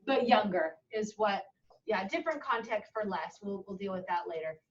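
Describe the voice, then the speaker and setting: A woman's voice: medium pitch, normal speed. A woman teaching a Spanish class, chatty and encouraging, switching between English and Spanish. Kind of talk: classroom lesson. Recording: muffled classroom audio from a distant camera.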